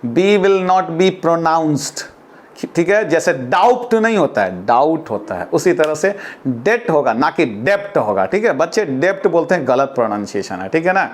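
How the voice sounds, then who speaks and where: A man with a slightly higher voice teaches a class, moving between brisk Hindi explanation and slow, deliberate English sentences. He calls his students "beta", asks rhetorical questions and spells out words to get the pronunciation right. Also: sing-song. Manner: explains in Hindi, then reads English lines slowly and deliberately.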